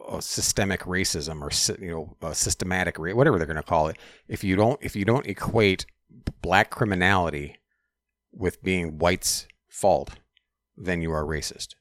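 A man with a very deep voice chats casually as a podcast co-host. He speaks haltingly, searching for his words, in a very dry recording. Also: fairly bright tone, no echo. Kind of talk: casual chat.

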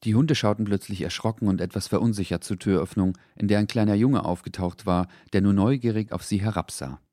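Low-voiced man narrating a story. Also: a little fast, warm tone, dry recording, studio quality. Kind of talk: scripted narration.

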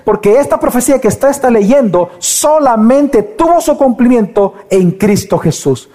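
Male pastor preaching, high pitched, mellow tone, hushed quoted lines. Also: expressive, moderate pace. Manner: preaching with dramatic drops to a soft, near-whispered voice when speaking as God; addresses congregation as brothers. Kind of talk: sermon.

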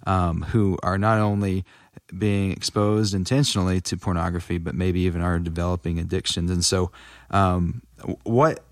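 A man's voice: sits low, level tone, moderate pace, no room sound, studio quality. A man with a West Texas accent hosting a casual interview, feeling his way through questions as he rephrases them.

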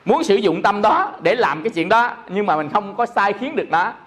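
Male Buddhist teacher, Southern Vietnamese accent, high-pitched, repetitive explanatory sermon delivery. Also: animated, moderate pace, fairly bright tone. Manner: explains by repeating and asking listeners rhetorical questions. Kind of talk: dharma talk.

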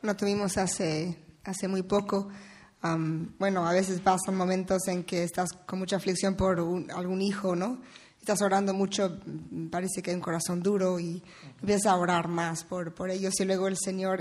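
A mother telling a family story on a panel, halting often and adding little tag questions. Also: lowish voice, darkish tone. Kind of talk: personal testimony.

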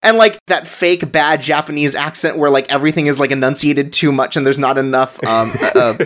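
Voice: mid-range voice, a little fast, fairly bright tone. Rambling casual podcast co-host. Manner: rambling, many "like" fillers, laughs often. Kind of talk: casual chat.

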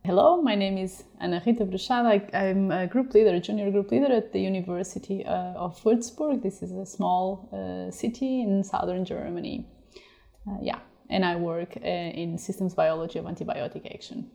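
A woman talks through her answers as an interview guest, thoughtful and hesitant, often restarting her sentences. Her voice is dark and mellow with a gravelly fry at the ends of her phrases. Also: mid-range voice, normal speed. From Portugal. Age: 30s. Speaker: guest researcher.

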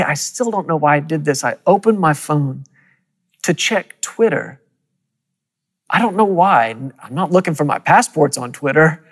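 A slightly high-pitched man tells a personal story from the pulpit. He speeds up in quick bursts and drops to soft, quiet asides. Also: in a large hall. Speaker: preacher. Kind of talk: storytelling sermon.

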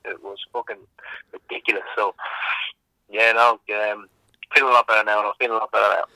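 Irish male co-host calling in by phone; very bright, piercing voice, animated casual banter. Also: fairly low pitch, brisk, no echo, poor audio. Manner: animated, swears freely. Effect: heard over the phone. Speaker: podcast co-host. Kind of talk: casual chat.

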